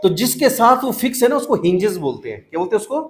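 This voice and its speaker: A man's voice: high-pitched, big pitch swings, quick pace. A young man teaching a math class to children, coaxing them with repeated questions in a classroom. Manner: questioning, coaxing students to answer. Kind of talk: classroom teaching, mixing Hindi and English.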